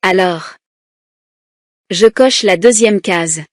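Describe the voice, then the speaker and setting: A woman teacher reading a children's lesson aloud, slowly and deliberately, splitting words into syllables. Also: medium pitch, soft background music.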